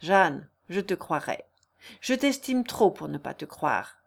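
A woman's voice: lowish voice, very animated, takes it slowly, creaky, heavily acted. A woman voicing an earnest young male lawyer who pleads tenderly and solemnly in a read-aloud novel. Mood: earnest, pleading.

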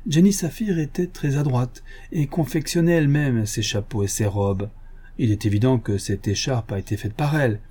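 A man reading the part of a cocky, mocking gentleman thief in an audiobook, taunting and condescending. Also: medium pitch, breathy edge.

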